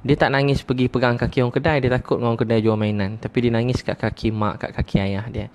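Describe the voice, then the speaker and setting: A man's voice: medium pitch, little pitch movement, fast, a little mellow. A middle-aged man preaching a sermon, who repeats his points, asks rhetorical questions and drops frequent "ha" interjections.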